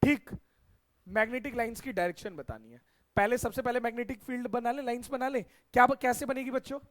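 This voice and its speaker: A man's voice: very high voice, brisk. A middle-aged man teaching a science class, asking his students questions and repeating the key answers back to them.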